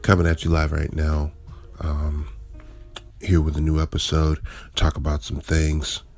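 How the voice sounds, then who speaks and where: A man's voice: very deep voice, monotone, a little slow, vocal fry, a little mellow, faint music behind. A man hosting a casual solo podcast, sounding groggy and unwell, rambling informally and correcting himself as he goes. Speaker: podcast host.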